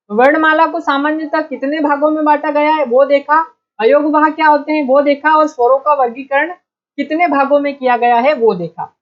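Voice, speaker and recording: High-voiced woman teaching exam prep. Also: highs cut off. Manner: repetitive, drilling key points with questions to students. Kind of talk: online exam-prep lecture.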